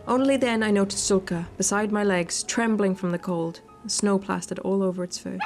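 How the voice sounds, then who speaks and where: Game music underlies this clip of a woman reading visual novel text aloud while streaming a video game. She reads expressively and adds coarse, teasing jokes, speaking a little slowly at medium pitch with fairly even intonation.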